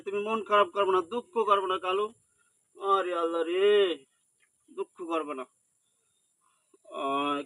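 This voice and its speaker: A man's voice: sits high, dry recording, poor audio. A man, tenderly and repetitively coaxing his animal before parting with it. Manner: soft, pleading and repetitive, coaxing. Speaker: livestock owner. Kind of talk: tender spoken farewell to an animal.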